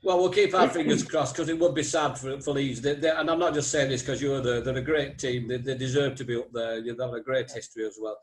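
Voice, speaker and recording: A man's voice: mid-range voice, fairly even intonation, fast talker, hardly any pauses. A man hosting a casual quiz over a video call, teasing the players as he goes. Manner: jokey, teasing quiz master. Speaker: quiz host.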